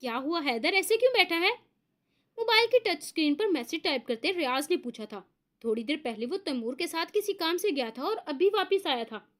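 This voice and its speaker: High, lively woman reading a novel. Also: brisk. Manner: expressive storytelling narration. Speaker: narrator. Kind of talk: reading a romance novel aloud.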